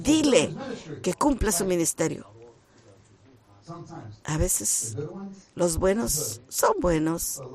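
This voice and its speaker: A man preaching a sermon, talking in a shy, halting way that rises into emphatic bursts. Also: high-pitched, vocal fry.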